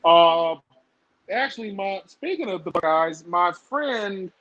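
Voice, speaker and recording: A man's voice: sits high, animated, takes it slowly, fairly bright tone, no echo, highs cut off. A man in his thirties from the southern United States, chatting loosely as a podcast guest with lots of fillers. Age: 30s. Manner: rambling, lots of fillers, laughs often. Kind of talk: casual podcast chat.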